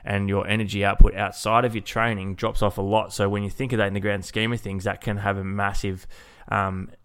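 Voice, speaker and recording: Hosting his solo fitness podcast casually, this male coach has a fairly low, nasal, congested-sounding voice that is still clear, resonant and fairly bright. His tone stays level and his pace is brisk.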